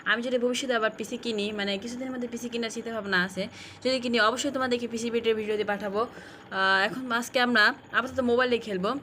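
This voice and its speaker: A woman's voice: fairly high pitch, fairly even intonation, rapid-fire, fairly bright tone, a little hiss or hum. A woman with a Bangladeshi accent giving casual, informal commentary as she plays a horror game for viewers. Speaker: gaming video host. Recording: music behind the voice. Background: eerie horror game music.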